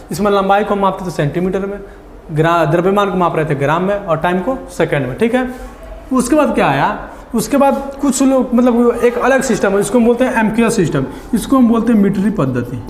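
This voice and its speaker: A man teaching a lesson, asking questions and answering them himself, repeating key words slowly. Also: high-pitched, a little hiss or hum. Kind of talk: classroom lecture. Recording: echoey hall.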